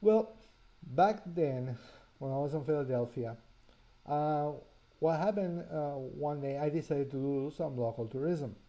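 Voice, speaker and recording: Spanish-accented man with a dark voice. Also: a little high, low-quality recording. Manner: earnest storyteller, pauses with fillers. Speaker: author and course presenter. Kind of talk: personal story in a language lesson.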